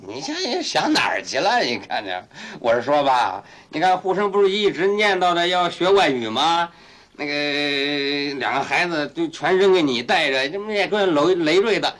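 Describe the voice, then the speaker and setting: A good-natured, bumbling husband in a 1990s TV drama, circling around his point with plenty of hesitant fillers. His voice sits high for a man and swings widely. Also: animated, moderate pace, fairly bright tone. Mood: hesitant asking. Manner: rambling, hesitant, full of fillers.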